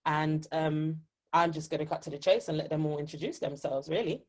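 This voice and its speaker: Woman podcast host; upbeat presenter delivery, pitched on the low side. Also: fairly quick, darkish tone. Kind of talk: podcast conversation.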